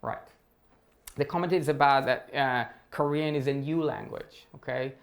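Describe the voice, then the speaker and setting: This man presents a technical talk and fields questions from the audience in a mid-range voice at a moderate pace. His intonation stays fairly even, and he is hesitant, using many fillers and restarting often.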